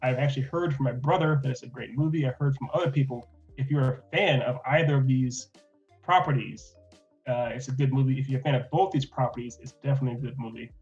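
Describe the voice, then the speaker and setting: A man in his thirties co-hosting a casual movie review podcast, enthusiastic, laughing often and stuttering when excited. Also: mid-range voice, fast talker, dull audio, faint music behind. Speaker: podcast co-host.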